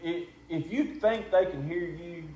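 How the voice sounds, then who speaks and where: A duck calling instructor gives a casual, hands-on lesson in a folksy, plain-spoken way. His voice is fairly high-pitched yet dark in tone and unhurried, and the recording is muffled and roomy with background noise.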